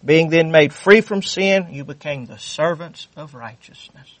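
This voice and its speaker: A man's voice: fairly high pitch, a little slow, fairly bright tone, no room sound. A man preaching a sermon, fervent and repetitive, reading scripture aloud with rising intensity. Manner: fervent, repeats phrases, reads scripture aloud.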